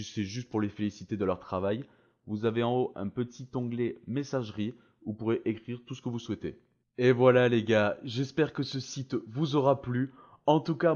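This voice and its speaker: A man's voice: mid-range voice, a little mellow. Dull-sounding Frenchman in a casual tutorial. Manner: informal, slangy, enthusiastic. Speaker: video creator presenting a voice-changer tool.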